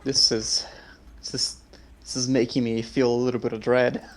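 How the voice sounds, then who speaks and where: A man's voice: medium pitch, level tone, normal speed. A man playing a tabletop game, chatting casually and earnestly as he thinks aloud, with gamer slang. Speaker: player.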